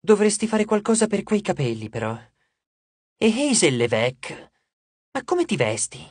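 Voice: mid-range voice, very animated, normal speed, a little mellow, breathy edge, no echo, pitched above the performer's own voice. An audiobook narrator voicing a vain, glamorous goddess of love who talks in a gushing, condescending and theatrical way. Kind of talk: audiobook character voice.

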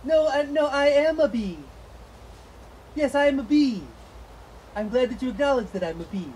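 A man's voice: extremely high pitch, moderate pace, darkish tone, slight background noise, rough recording. A man voicing a young male lovebird who insists he is a bee, in a whiny, earnest, indignant manner in a comedy sketch. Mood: insistent. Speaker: comedy podcast host.

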